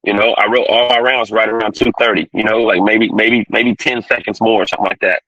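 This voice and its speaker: A man being interviewed over an online call that sounds fuzzy and distorted, talking quickly with many fillers. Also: fairly low pitch, steady tone, bright, forceful tone, dry recording. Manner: rapid, full of "you know" fillers. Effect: fuzzy distorted connection. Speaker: battle rapper guest. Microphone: online call from a phone on mobile data. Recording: dull lo-fi distorted call audio.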